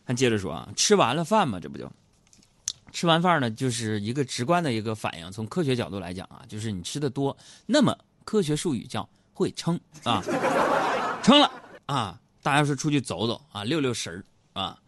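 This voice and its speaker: A man telling comic stories in a lively stand-up monologue, acting out other people's voices. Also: mid-range voice, fairly quick, no room sound. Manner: animated storytelling, acts out other voices. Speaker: comedy radio host.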